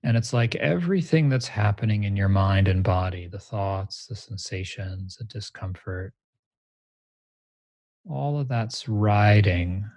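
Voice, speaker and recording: Low, gravelly man guiding a grounding exercise. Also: dry recording. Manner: gentle, measured instruction with pauses between short phrases. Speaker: meditation teacher, interview guest. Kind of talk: guided grounding meditation exercise.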